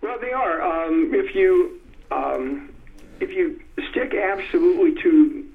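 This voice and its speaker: A man with a fairly high voice explains poetry over a tinny phone line. He talks in a thoughtful, hesitant way, full of pauses and fillers. When he recites verse he slows down and stresses each beat. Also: sing-song, creaky. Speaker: poetry expert guest. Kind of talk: conversational interview.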